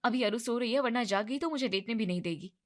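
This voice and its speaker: A woman's voice: on the high side, fast, close to an everyday voice. A woman voicing a tired, put-upon young wife who sounds weary and resentful, in a storybook narration.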